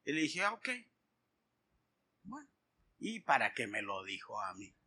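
A man's voice: mid-range voice, unhurried, slightly rough. A middle-aged man, preaching a sermon as he tells a personal story and acts out the dialogue. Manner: animated storytelling, acting out dialogue.

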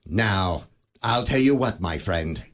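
An actor playing Scrooge, an elderly miser turned giddy and generous, laughing and lively in a radio play. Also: male voice, low voice, takes it slowly, heavily acted. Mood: joyful. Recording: studio radio drama with faint music.

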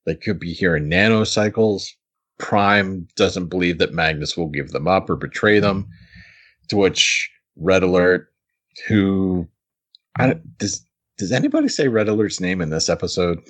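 A man's voice: deep voice, lively intonation, measured pace. A man co-hosting a podcast, chatting casually as he recaps an episode, laughing often and restarting his sentences. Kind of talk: casual chat.

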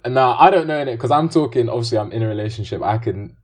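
A man's voice: mid-range voice, expressive, fast, a little mellow, a little hiss or hum. A man in his early twenties with a London roadman accent, chatting casually and in slang as a podcast co-host. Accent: London, urban street slang. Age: early 20s. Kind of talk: casual chat.

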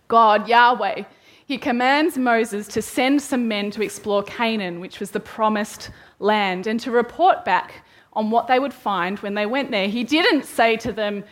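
A woman preaching a sermon, retelling scripture as a lively story and acting out the quoted voices. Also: fairly high pitch.

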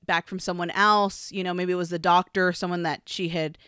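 A woman's voice: fairly low pitch, level tone, fairly quick, fairly bright tone, smooth, no echo, clean studio sound. A woman co-hosting a podcast, speaking thoughtfully and hesitantly with many fillers. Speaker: podcast co-host. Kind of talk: casual chat.

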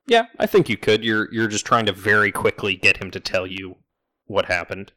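A man's voice: fairly low pitch, expressive, moderate pace, bright, forceful tone. A man narrating as game master in a tabletop role-playing game, laid-back and conversational.

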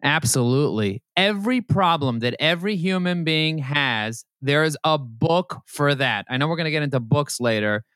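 A man speaking as a podcast guest, talking in an emphatic, motivational way that builds into animated preaching. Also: on the high side, moderate pace, few pauses, dry recording, clean studio sound. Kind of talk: podcast interview. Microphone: podcast microphone.

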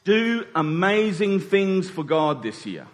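Preaching to his congregation, a forty-something man speaks rhetorically, stressing points and tossing in asides. His high voice swings widely in pitch at a slow pace, with soft music behind and a long hall reverb.

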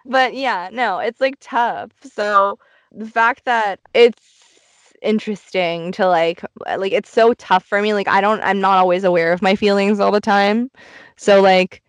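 A podcast host records from inside a small, cluttered closet, so the sound is dry and close, with no room sound. Her medium-pitched voice keeps fairly even intonation and a measured pace as she chats casually, candid and introspective in a rambling, confessional way.

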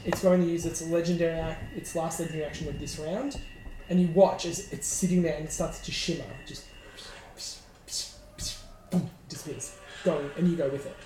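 A man's voice: a little high, steady tone, fairly quick, warm tone, faint music behind. A man as game master, narrating scenes and calling rules in a casual tabletop game. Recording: echoey room, noisy background with clicks.

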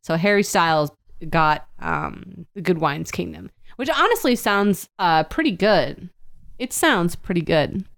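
A woman's voice: lowish voice, sing-song, measured pace, creaky, fairly bright tone. A young woman co-hosting a comedy podcast, rambling and giggling through casual chat with lots of fillers. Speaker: podcast co-host.

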